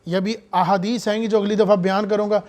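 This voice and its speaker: With a high voice and a flat delivery, a man preaches, going from quiet asides to loud, fervent lines filled with rhetorical questions.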